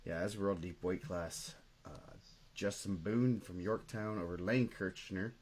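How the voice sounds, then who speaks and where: A man co-hosting a casual podcast about high school wrestling, running through results in a steady, list-like way. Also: unhurried. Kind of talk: casual sports chat.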